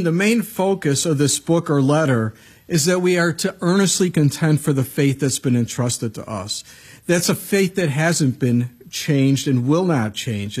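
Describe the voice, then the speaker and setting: Pastor, male, preaching at a pulpit mic, slightly raised voice, husky, earnest and warning. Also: fairly high pitch, darkish tone. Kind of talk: expository Bible sermon.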